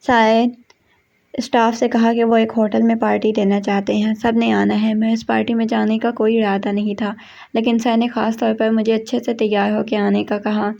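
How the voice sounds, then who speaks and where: A woman telling a first-person story in a steady, even reading voice. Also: fairly high pitch, vocal fry. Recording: dull lo-fi recording.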